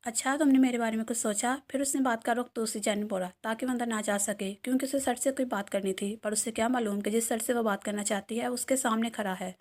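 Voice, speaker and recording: A woman's voice: a little high, steady tone, a little fast, few pauses, a little mellow. A woman reading a romance novel aloud as its narrator. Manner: storytelling narration.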